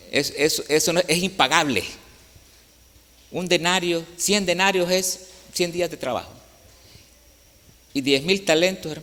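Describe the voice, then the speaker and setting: Speaking straight to his congregation with earnest conviction, a man delivers a church sermon in Latin American-accented Spanish. His voice is on the high side, bright and forceful, and the hall around him echoes with long reverb.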